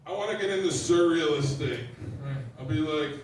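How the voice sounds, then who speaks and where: A man with a slightly high voice performs deadpan stand-up one-liners in a lounge. He sounds far from the mic, and the room rings with heavy echo. Faint room noise hangs underneath. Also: fairly quick. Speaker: stand-up comedian. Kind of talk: stand-up set at an open mic. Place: lounge bar with a live audience.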